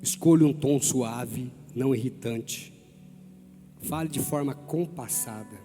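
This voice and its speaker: Brief: male Brazilian preacher, lively sermon with call-and-response, long church-hall reverb and faint music. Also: mid-range voice, slow pace. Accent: Brazilian Portuguese. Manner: animated, calls on the congregation to repeat after him. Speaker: pastor.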